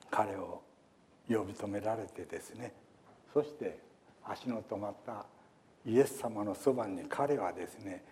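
Older man, pastor, folksy sermon, warm mellow voice. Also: fairly low pitch. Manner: folksy, chatty, acts out quotes.

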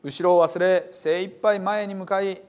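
A man's voice: sits high, steady tone, measured pace, darkish tone, smooth, pitched above the performer's own voice. A man reading the apostle Paul's letter aloud in Hiroshima dialect, earnest and emphatic. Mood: fervent. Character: the apostle Paul, zealous male preacher, fervent.

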